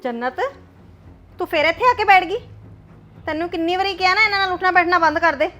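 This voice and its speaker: A woman's voice: normal speed, soft background music. An actress playing a controlling mother who scolds her daughter sharply. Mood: scolding. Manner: shrill scolding.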